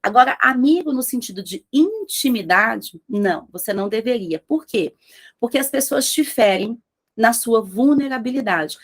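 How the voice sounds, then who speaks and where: A woman with a high-pitched voice and vocal fry mentors business owners in a motivational talk to entrepreneurs. She speaks with emphasis and fires rhetorical questions at her listeners.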